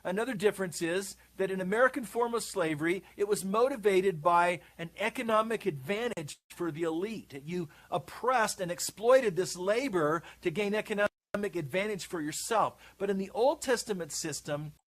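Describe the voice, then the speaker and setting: A man explaining in a measured, methodical lecture, played from a video. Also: sits high. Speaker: bible teacher in a played video.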